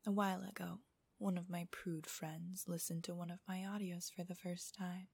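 Soft breathy whispering woman, very close. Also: lowish voice, flat delivery, no room sound. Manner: slow, intimate, teasing. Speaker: host of erotic relaxation audios. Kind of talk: whispered ASMR audio narration for adults.

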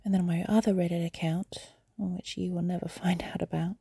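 A young adult woman whispering softly and confidingly into a phone while lying in bed. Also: lowish voice, little pitch movement, no echo, clean studio sound. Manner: soft breathy whisper, unhurried and confiding. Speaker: amateur audio creator. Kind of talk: whispered intimate audio diary. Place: in bed, lying on her side. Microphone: phone held close.

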